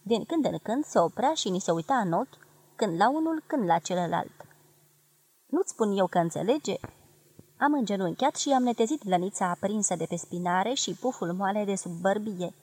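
A woman from Romania giving a measured, expressive literary reading of a memoir. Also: medium pitch, slightly rough, dry recording. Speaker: reader of a memoir.

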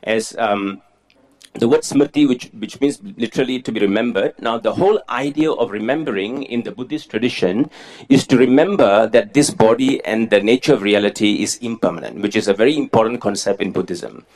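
A Singaporean mindfulness teacher in his forties gives a conference presentation to an audience in a conference room, explaining things earnestly and self-effacingly with frequent fillers. His voice is lowish and darkish and he speaks briskly, while the recording itself is rough.

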